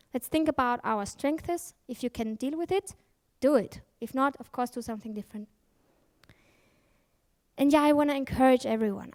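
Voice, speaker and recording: A woman speaking at a conference is frank and emphatic, cursing freely and frequently correcting herself mid-sentence, with lots of fillers. Her voice is fairly high, creaky and a little mellow.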